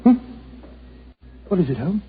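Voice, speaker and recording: An actor playing an excitable older English gentleman doctor in a 1940s radio drama, with a British accent, a gravelly voice and a flustered, blustering manner. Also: sits high, unhurried. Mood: puzzled. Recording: muffled, noisy old 1940s radio recording.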